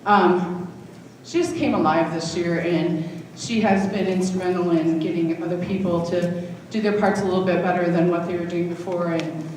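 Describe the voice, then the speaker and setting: Speaking at normal speed in a low, slightly mellow voice with a steady tone, a woman who is probably middle-aged thanks people warmly and casually as a school drama director. The live event sits in a big indoor hall, picked up by a far microphone with heavy echo and faint noise.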